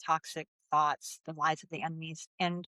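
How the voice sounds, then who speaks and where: A middle-aged woman from the US West Coast, a podcast guest telling a heartfelt personal faith story and slowing down for emphasis. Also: low-pitched, flat delivery, bright, forceful tone, clean tone, no room sound. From Santa Barbara, US.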